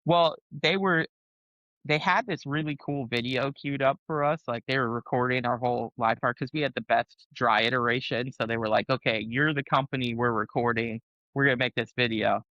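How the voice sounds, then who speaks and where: Bright-voiced man telling army stories. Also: mid-range voice, normal speed, dry recording, dull audio. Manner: laughing, profane, animated storyteller. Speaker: podcast guest, Army veteran. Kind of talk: casual storytelling.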